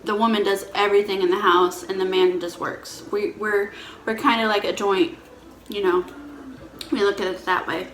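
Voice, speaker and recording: A woman hosts a couple's Q&A mukbang video, chatting informally and repeating phrases as she explains things. Her voice is medium-pitched and fairly bright, with a level tone and moderate pace. The recording has a roomy echo and faint background noise.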